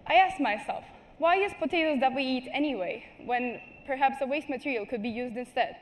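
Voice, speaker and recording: A woman's voice: high voice, a little fast. Earnest teenage girl giving a stage talk. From Turkey. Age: teens. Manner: earnest, with small restarts and apologies. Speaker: student speaker. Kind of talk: prepared conference talk. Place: large stage before a seated audience. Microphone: headset mic.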